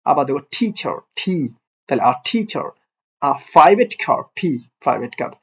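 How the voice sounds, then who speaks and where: A man's voice: a little high, sing-song, moderate pace, a bit bright. Bengali man teaching, dull lo-fi sound. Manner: repeats "clear?" and quizzes the listener; affectionate, teasing address to pupils. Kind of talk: classroom grammar lesson. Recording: dull lo-fi recording.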